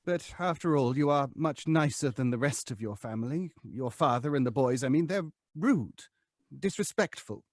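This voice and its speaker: An actor playing a haughty, weary centuries-old ghost in an old-time radio drama, with pompous, theatrical phrasing. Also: male voice, medium pitch, animated, moderate pace, no echo, natural voice. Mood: indignant, haughty. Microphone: close studio microphone.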